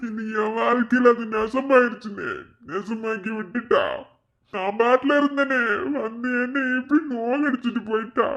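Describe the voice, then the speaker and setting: A self-pitying young village drunk in a cartoon, voiced by a man, speaking in a Madurai Tamil accent. His voice is high, his talk is whiny and slangy, and the recording sounds dull and lo-fi. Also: normal speed, a bit bright.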